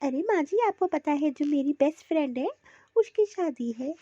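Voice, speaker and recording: Cartoon role: woman as a headstrong young wife, sulky and indignant, very high voice, dull lo-fi sound. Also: lively intonation, normal speed, mellow. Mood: pleading. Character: young married woman, headstrong, quick to complain. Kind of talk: cartoon voice acting.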